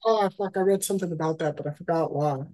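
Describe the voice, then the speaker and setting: A man's voice: on the high side, fast, mellow. A young man co-hosting a podcast, chatting casually and making easygoing, offhand remarks. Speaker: podcast co-host. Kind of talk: casual chat.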